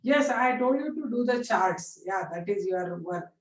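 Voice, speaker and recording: A woman's voice: mid-range voice, expressive, measured pace. Indian lady teacher explaining stuff informally, repeats herself n checks in, echoey room, bit far from the mic. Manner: repetitive explaining with frequent check-in questions. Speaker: biology teacher. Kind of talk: informal classroom lecture.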